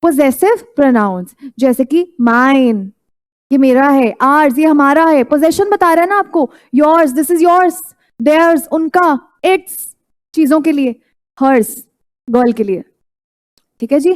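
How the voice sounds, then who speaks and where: A woman with a high voice gives a classroom lecture in a mix of Hindi and English. She fires quick prompts at her students and checks that they are following. She says the key terms over and over so they stick. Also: animated. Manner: quizzes students with repeated prompts; repeats key terms for emphasis. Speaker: teacher.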